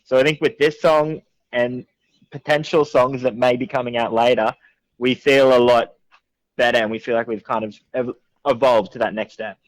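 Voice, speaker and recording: A man's voice: medium pitch, steady tone, moderate pace, no room sound. An Australian man with a Queensland accent, speaking casually as a musician being interviewed. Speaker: band musician interview guest. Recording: phone call on radio show.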